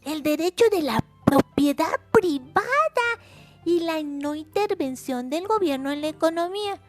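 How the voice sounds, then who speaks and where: A woman's voice: high-pitched, a little slow, darkish tone, soft background music. A woman hosting a simple history lesson for children in a sing-song, chatty way, repeating words for emphasis. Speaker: educational video channel host.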